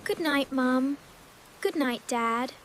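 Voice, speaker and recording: A woman plays a sad, timid little girl in an animated storybook for learners. Her voice sits very high and the lines come very slowly, soft and plaintive. A faint hiss runs under the recording. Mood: lonely, wistful.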